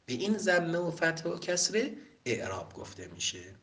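A man's voice: on the high side, very animated, fairly bright tone, far from the mic. A man teaching Arabic grammar in a classroom lecture, reading Arabic lines and explaining each step by step.

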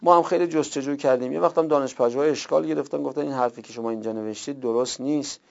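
A man's voice: medium pitch, fairly even intonation, gravelly, muffled recording. A man teaching a class on Arabic word forms, explaining points step by step and often repeating words and stressing what is new. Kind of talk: classroom lecture.

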